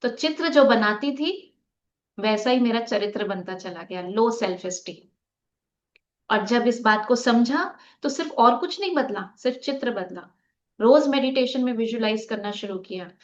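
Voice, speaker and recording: Woman meditation teacher, fairly high voice, live online class over muffled video-call audio, rhetorical questions. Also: animated, moderate pace. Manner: asks rhetorical questions and leads a group activity; mixes in English words.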